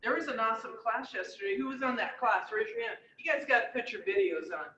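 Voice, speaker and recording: Woman, high and animated, cave-like echo, distant and dull, background hiss. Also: quick pace. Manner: lively, upbeat, prompting others. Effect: cave-like echo on the call. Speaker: office team member. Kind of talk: team meeting chat. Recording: echoey, distant, dull and noisy.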